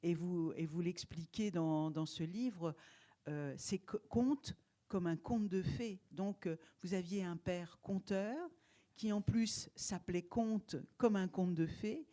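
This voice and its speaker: A woman interviewer asks her guest questions at a slow, careful pace. Her voice sits low and mellow, and she gropes for words as she talks. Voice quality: halting, searching for words.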